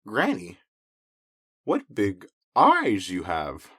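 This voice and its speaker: A man's voice: fairly low pitch, wildly swooping pitch, extremely slow, sharp tone, breathy edge, dry recording, clean studio sound, exaggerated voice. Man doing a naive little girl. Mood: innocent.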